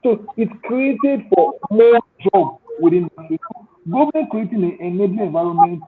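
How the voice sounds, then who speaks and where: Speaking at an ordinary pace in a high, animated voice, this Nigerian panelist runs an agribusiness and dials in remotely. The call audio sounds tinny, and he lays out his points earnestly, leaning on examples and proverbs.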